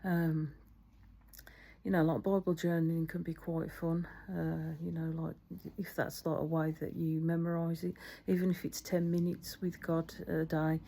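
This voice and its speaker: Middle-aged woman vlogger, flat low delivery, loose and filler-heavy. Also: measured pace, vocal fry. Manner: rambling, many fillers. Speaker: faith vlogger. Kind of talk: casual spoken reflection.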